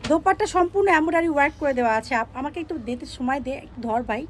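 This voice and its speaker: A young woman selling clothes on a live stream, pitching each dress with pushy repetition and English words mixed in. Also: expressive, rapid-fire, slight background noise. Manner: repeats phrases, pushy upbeat selling, mixes English words. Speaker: online clothing seller.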